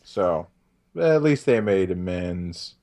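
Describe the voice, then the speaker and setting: A man co-hosting a casual film chat, jokey and animated, laughing often. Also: sits low, slow. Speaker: podcast co-host.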